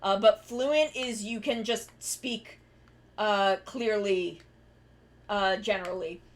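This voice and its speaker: A woman streamer talks casually as she draws, her voice medium-pitched, steady, and slow. She rambles, corrects herself mid-sentence, and lets the occasional swear slip.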